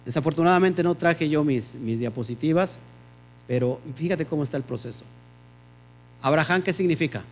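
Guy teaching bible study, high voice, keeps asking the group stuff then answering it himself. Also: moderate pace, soft background music. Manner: asks the group questions and answers them himself.

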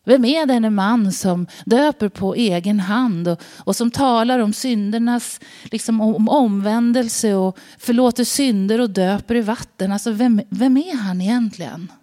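A woman's voice: a little high, few pauses, mellow. Woman giving a bible talk, chatty, lots of questions to the room, keeps restarting her sentences. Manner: conversational, rhetorical questions, frequent restarts. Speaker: preacher. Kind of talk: sermon-style Bible teaching.

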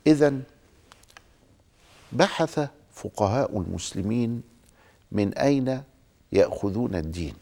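A man hosting a religious programme, addressing viewers in formal Standard Arabic with deliberate, rhetorical phrasing. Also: medium pitch, animated, gravelly, a little mellow.

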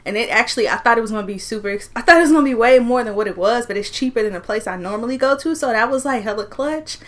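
A woman's voice: fairly high pitch, rapid-fire, fairly bright tone. A woman in her twenties co-hosting a podcast, talking casually and informally with plenty of slang. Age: 20s. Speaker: podcast co-host. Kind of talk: casual chat.

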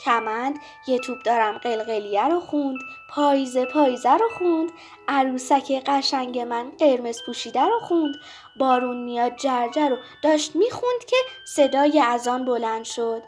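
A woman storyteller reads a children's picture book aloud in a clear, warm way. Her voice sits high. Soft music plays faintly underneath.

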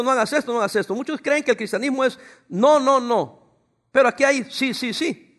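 A man's voice: extremely high pitch, a bit bright. A man preaching as a pastor, talking to his congregation in a conversational way and acting out short exchanges. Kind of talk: sermon.

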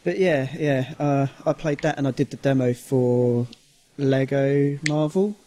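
A man's voice: medium pitch, a little slow, mellow, a little hiss or hum. A man in casual podcast conversation, hesitant and full of fillers. His humor is dry and sarcastic. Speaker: podcast co-host. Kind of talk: casual chat.

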